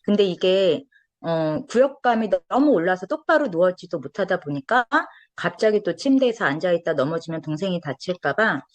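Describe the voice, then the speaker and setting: A woman's voice: fairly low pitch, no echo. A woman in her forties giving an earnest testimonial talk as a lecturer, recorded close and dry. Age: 40s. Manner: earnest, storytelling.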